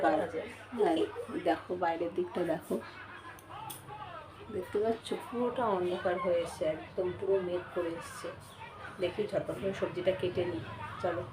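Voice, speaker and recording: A woman chatting casually to her viewers while cooking at home, keeping her voice low so her sleeping son is not woken. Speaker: home vlogger and mother. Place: home kitchen with a tin roof during rain. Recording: noisy home recording with rain on a tin roof.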